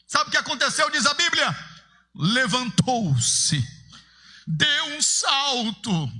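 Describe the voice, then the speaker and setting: Fervent high-voiced preacher. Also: male voice, big pitch swings, slow pace. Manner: fervent, builds to shouts, sing-song repetition. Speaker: evangelist preacher. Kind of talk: impassioned sermon. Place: large church sanctuary.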